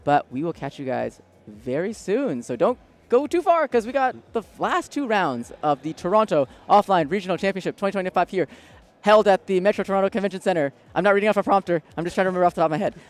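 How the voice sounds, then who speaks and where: A man commenting live on a card game tournament at a convention centre, bursting with excitement. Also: high voice, fast talker, hardly any pauses. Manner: excitable, breathless bursts of hype.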